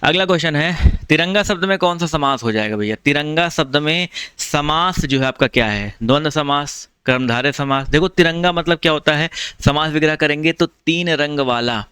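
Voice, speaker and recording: A man's voice: on the high side, normal speed, pushed and bright, clean tone, dry recording. A man teaching grammar for an exam in a casual, chatty way, repeating each answer and calling his listeners brother. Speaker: Hindi teacher for exam prep. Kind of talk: casual online exam-prep lesson.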